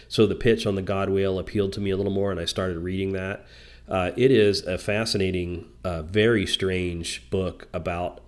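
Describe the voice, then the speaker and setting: A man hosting a casual solo talk, rambling and hesitant, congested with a stuffy nose from a cold. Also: sits low. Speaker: podcast host. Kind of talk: casual solo talk about shows and books.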